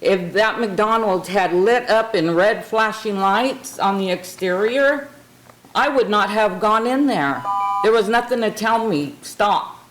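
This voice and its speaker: A woman from California gives an informal public comment. Her mid-pitched voice is earnest and conversational, and she repeats words to make her point. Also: a little slow, a little hiss or hum, poor audio. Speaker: public commenter at a city council meeting.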